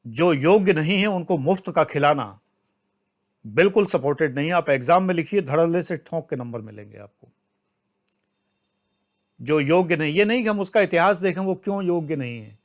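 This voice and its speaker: A man's voice: animated, normal speed. Older Indian man lecturing emphatically. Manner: emphatic and scolding, swings between loud outbursts and low asides. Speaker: civil services exam teacher. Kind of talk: lecture to online class.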